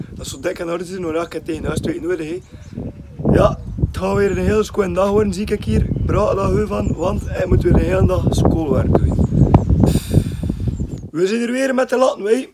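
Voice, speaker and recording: This high, slightly breathy male voice belongs to a young vlogger from West Flanders. Speaking with a West Flemish accent, he talks chattily outdoors and at home, sprinkling his sentences with filler tags.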